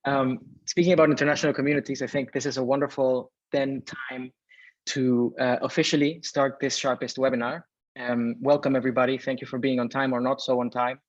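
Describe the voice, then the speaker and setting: Reading chat messages aloud, this webinar host, a man from Venezuela in his thirties, keeps things chatty and packed with fillers during a live video call. He speaks briskly in a level, mid-range voice from a home or office room in Berlin. There's no room sound, and the call audio comes across dry and dull.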